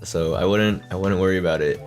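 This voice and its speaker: A man with a lowish voice talks casually to his viewers as he hosts a stream. He laughs often and trips over his words now and then. Faint music plays behind him. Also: fairly quick. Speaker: streamer host. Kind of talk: casual chat reading fan questions. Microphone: desk mic.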